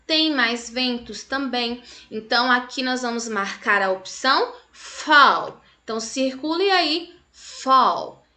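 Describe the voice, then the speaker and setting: Woman teacher for small kids, slow and patient, sharp bright tone, keeps checking in. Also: fairly high pitch. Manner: patient, checks in often with short questions. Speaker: English teacher. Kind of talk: recorded class for young children.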